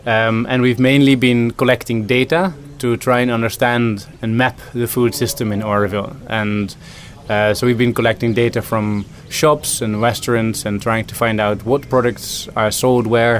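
A man's voice: mid-range voice, flat delivery, moderate pace, hardly any pauses, a little hiss or hum. A man from the Netherlands, a food system consultant answering interview questions thoughtfully, with many ums and restarts.

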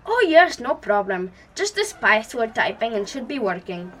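Woman as an eager Indian guide, high and lively. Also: normal speed, poor audio. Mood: apologetic, placating. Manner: polite, obliging, broken English. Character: eager, deferential Indian male tour guide. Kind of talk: acted comedy drama.

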